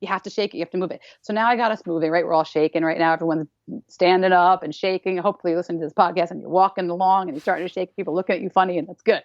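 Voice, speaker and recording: A woman with a lowish, gravelly voice talks as a guest on a podcast. She is animated and playful, slipping into little acted-out voices and laughing easily. The sound is dry and a bit dull, like a lo-fi recording. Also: rapid-fire, no room sound. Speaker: dance teacher guest. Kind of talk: enthusiastic podcast interview.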